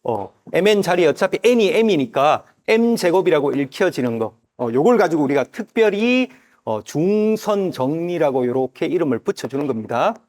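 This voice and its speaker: Korean math teacher, slightly higher voice. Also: male voice, sing-song, a little mellow. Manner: talks to the figure's parts as "you", repeats steps aloud; drawn-out, slow reading of formulas. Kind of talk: whiteboard math lesson.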